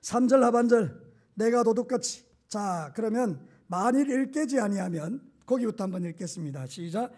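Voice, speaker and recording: A man preaching a sermon as pastor, swinging from hushed tones to shouts and acting out quotes. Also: high voice, lively intonation, normal speed.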